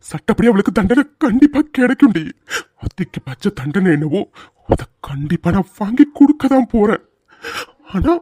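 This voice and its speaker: A man voicing a hot-tempered, fiercely loving young hero in a cartoon, rough-spoken and quick to tears. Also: high voice, mellow, dry recording, clean studio sound. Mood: tearful. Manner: fiery, rough-spoken, breaks into sobs. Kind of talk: cartoon voice dubbing.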